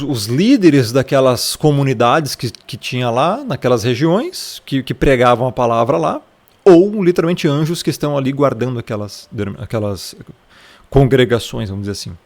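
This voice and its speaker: A man's voice: medium pitch, darkish tone. Chatty Brazilian man teaching the Bible. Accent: Brazilian Portuguese. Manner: chatty, keeps asking "tá?" and pointing at the text. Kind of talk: casual Bible study lesson.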